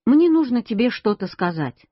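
A matter-of-fact father from a children's storybook, as a woman reader voices him. The voice is breathy and slightly husky, and the recording is dry and dull. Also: a little high, sing-song, normal speed, no echo, pitched above the performer's own voice. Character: calm practical father of a small boy. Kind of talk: storybook reading.

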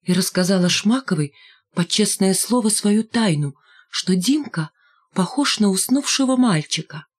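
A woman's voice: mid-range voice, expressive, normal speed. A woman narrating a novel in the first person, reading expressively. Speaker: audiobook reader.

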